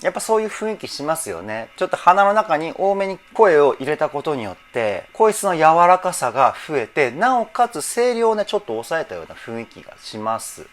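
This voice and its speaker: Animated man reacting to a song. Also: fairly high pitch, brisk, few pauses. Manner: emotional, repeatedly laughing and moved. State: teary. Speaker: vocal trainer. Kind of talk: song reaction and vocal analysis.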